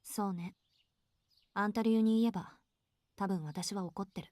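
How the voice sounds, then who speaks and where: An actress voicing a proud, sharp-tongued young woman in an anime-style visual novel, curt and scolding. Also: mid-range voice, fairly even intonation, brisk, no room sound, studio quality, close to an everyday voice. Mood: cool. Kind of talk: anime game voice acting.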